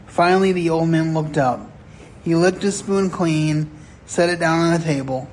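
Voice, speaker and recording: A man in his sixties preaching a sermon in a chapel, telling stories earnestly with deliberate pauses. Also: a little high, fairly even intonation, darkish tone, a little hiss or hum. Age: 60s. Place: chapel sanctuary.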